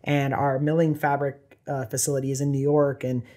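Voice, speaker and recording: A Southern California man in his thirties, a company founder, guests on a podcast in casual interview mode, speaking at a medium pitch and a fairly quick clip. He's animated, gesturing a lot and dropping fillers like "you know" and "right." He sits at a boom-arm desk mic in a small studio lined with bookshelves.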